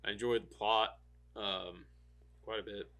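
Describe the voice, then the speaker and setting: A man talks casually as part of a podcast panel. His voice is on the low side and his delivery is conversational. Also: fairly even intonation, measured pace, a bit bright. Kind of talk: casual chat.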